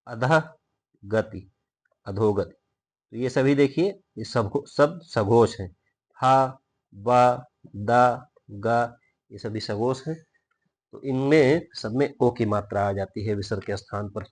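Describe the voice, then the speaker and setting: Slow, methodical male grammar teacher. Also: mid-range voice. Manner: slow, explains step by step and asks himself questions; draws out example words to show pronunciation. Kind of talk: recorded video lesson.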